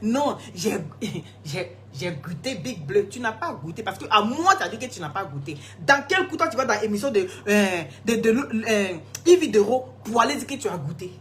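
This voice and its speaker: A hoarse woman, scolding and gossiping in a casual live stream, laughing often. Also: medium pitch, normal speed, hardly any pauses, a little hiss or hum. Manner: animated, scolding, laughs a lot. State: hoarse, sore throat.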